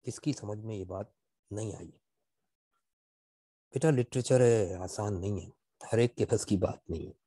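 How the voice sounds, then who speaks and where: A man with a Pakistani accent teaching literature in an online class, mixing English into his explanations, asking questions and answering them himself, and reading verse slowly with a rhythmic stress. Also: lowish voice, warm tone, breathy edge, no echo, clean studio sound. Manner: explains in Urdu mixed with English, asks and answers own questions.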